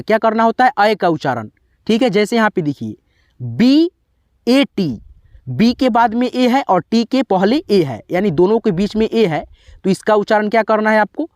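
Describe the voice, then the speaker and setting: In a clean studio recording with no echo, a man with a high-sitting voice hosts a channel teaching English pronunciation rules. His classroom-style explanation is repetitive, and he asks and answers his own questions, frequently saying "theek hai."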